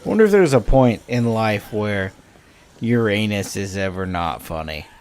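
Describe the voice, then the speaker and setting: A man's voice: lowish voice, lively intonation, a little slow, darkish tone. A man casually commenting while playing a game on a live stream, joking and rambling in a self-mocking way.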